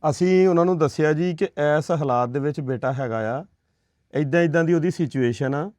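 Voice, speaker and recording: On camera, a man giving aid money to a family talks to them in an earnest, reassuring, somewhat preachy way, often checking with brief questions. He works for a charity. His voice is slightly high and fairly quick, with a darkish tone and no room sound.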